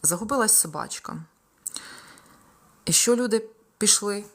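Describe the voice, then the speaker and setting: A young woman with a Ukrainian accent, a tutor running a live exam-prep lesson, mixing Ukrainian explanations with English example sentences she reads out slowly. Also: mid-range voice, animated.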